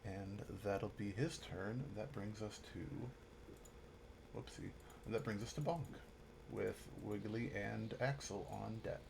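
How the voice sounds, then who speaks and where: Deep, creaky-voiced man running a tabletop game. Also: steady tone, takes it slowly, noisy background. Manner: easygoing, repeats phrases. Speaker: game master. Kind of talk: casual tabletop game narration.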